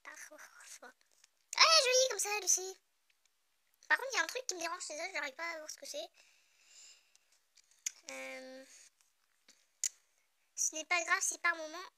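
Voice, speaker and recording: Young woman, high pitch, very bright tone, reads manga aloud with excitable running reactions and casual swearing. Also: normal speed, long pauses. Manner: excitable, swears casually, stumbles over names and talks to herself. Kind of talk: reading a manga chapter aloud with live reactions.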